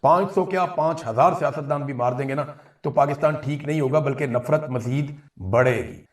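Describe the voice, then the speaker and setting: Guy from pakistan doing a pushy political rant for viewers, kinda high voice, echoey room. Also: moderate pace. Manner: emphatic, insistent, repeats key phrases. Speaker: political commentator. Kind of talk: monologue political commentary to viewers. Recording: roomy echo, mic at a distance.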